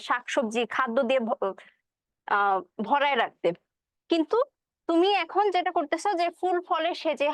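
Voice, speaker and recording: A woman's voice: sits high, dry recording. A woman teaching a class, explaining a poem and its pronunciation, asking questions and answering them herself. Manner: recites verse slowly. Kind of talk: classroom lecture on poetry and pronunciation.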